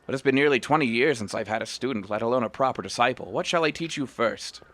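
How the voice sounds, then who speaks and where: A man's voice: medium pitch, fast, a bit bright, no echo, natural voice. A man voicing a stern old male martial arts master, reading game dialogue in a formal, declaiming way. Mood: lofty.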